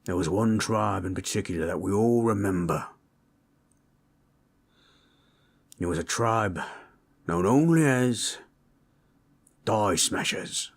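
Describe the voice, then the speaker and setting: A man with a very low voice acts as a gentle, comforting orc, a rough-spoken storyteller of old lore, in an intimate roleplay audio. Heavily acted and a little slow, his husky, plain, rustic, ungrammatical speech has lively intonation as he soothes the listener. His mood is fond and relaxed.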